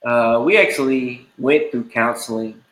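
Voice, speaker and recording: Guest, male, about 30, earnest and measured, echoey room sound. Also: mid-range voice, a bit bright. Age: 30s. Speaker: interview guest. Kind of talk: conversational interview. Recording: roomy echo.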